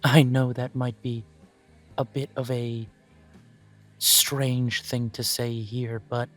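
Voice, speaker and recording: A man gives voice to a courteous elf who runs a small coffee shop. He speaks at an unhurried pace in a mid-range voice, formal and gently self-deprecating. Soft music plays quietly beneath his words. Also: medium pitch, little pitch movement. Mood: gracious. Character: courteous elven male coffee shop owner. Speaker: shop owner interviewing a job applicant. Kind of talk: scripted one-sided roleplay audio.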